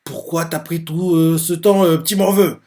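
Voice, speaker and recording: A man's voice: fairly even intonation, moderate pace, a little mellow, lightly acted. A man voicing a bossy, foul-mouthed trapped female spirit who hurls insults. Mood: scolding. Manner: shrill, scolding insults.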